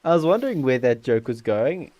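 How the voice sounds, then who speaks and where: Speaking fairly quickly in a mid-range voice with big pitch swings and a dark tone, a man who hosts a gaming channel jokes around with friends as they play, rambling and filling gaps with fillers. There's no room sound on the recording.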